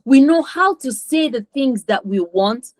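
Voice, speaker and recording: A woman's voice: high-pitched, animated, measured pace, dry recording. Woman coaching teens, dry close sound. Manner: repeats for emphasis, acts out kids' voices. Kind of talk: online class teaching.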